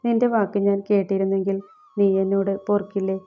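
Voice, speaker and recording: A man's voice: high voice, level tone, fast, phone-quality sound, soft background music, close to an everyday voice. A woman reading as a pleading young husband.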